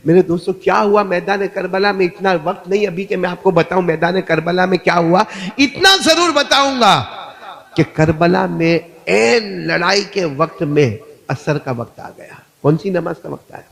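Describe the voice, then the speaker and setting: A male preacher with a gravelly, fairly high voice. He delivers an emotional sermon, swinging from near-whispers to shouting, and keeps calling on the crowd to answer back. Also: steady tone, normal speed, few pauses, poor audio. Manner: dramatic storytelling, swinging from hushed to shouting. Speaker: Islamic preacher.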